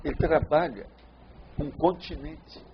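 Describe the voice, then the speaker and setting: Older brazilian guy lecturing, bit high voice, jokey, muffled lo-fi sound. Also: unhurried, a little hiss or hum. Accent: Brazilian Portuguese. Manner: playful, jokes with the audience; repeats checking questions. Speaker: lecturer answering students. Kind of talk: teasing lecture Q&A. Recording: muffled lo-fi recording.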